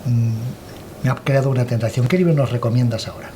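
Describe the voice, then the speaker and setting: A man's voice: mid-range voice, a little fast, music in the background. Man asking brief interview questions.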